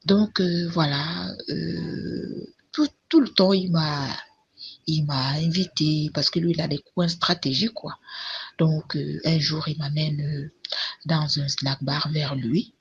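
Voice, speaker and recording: A woman's voice: low-pitched, steady tone, takes it slowly, gravelly, husky. A woman telling a personal testimony in a rambling, hesitant way, full of restarts. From Cameroon. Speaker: storyteller sharing a personal testimony. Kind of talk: casual spoken testimony. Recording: dull lo-fi audio with faint noise.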